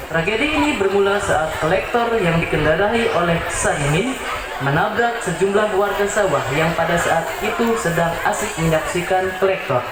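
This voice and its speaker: A man reading comic parody news as a mock-serious announcer. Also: high-pitched. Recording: noisy, echoey recording with loud crowd. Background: loud crowd and noise.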